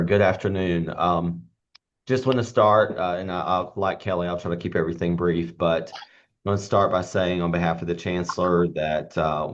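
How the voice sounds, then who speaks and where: Male university official, very low voice, formal and slightly halting hearing presentation. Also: lo-fi sound. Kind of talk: formal prepared remarks with hesitations.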